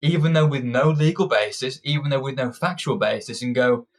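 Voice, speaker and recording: Brisk and mid-range in voice, a young political commentator from Britain rants combatively through an opinionated monologue, repeatedly starting his sentences over.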